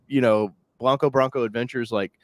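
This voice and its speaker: A man's voice: mid-range voice, fairly even intonation, a little fast, dry recording. A man hosting a casual live car talk show, loose and rambling, thanking viewers and bringing in a guest. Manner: loose, rambling, with restarts and laughs. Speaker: podcast host.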